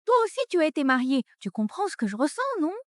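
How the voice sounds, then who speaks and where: A woman's voice: sits high, sing-song, quick pace, no echo, studio quality. A woman voicing a scheming young fiancée who begs and wheedles in a French melodrama dub. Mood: pleading. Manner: desperate, wheedling. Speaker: dubbing actress.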